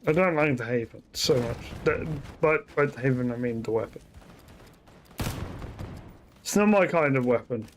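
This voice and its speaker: A man's voice: medium pitch, expressive, normal speed, long pauses, background noise. A man giving casual, rambling commentary while streaming a shooter game, often correcting himself mid-sentence. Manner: chatty, rambling, self-correcting asides.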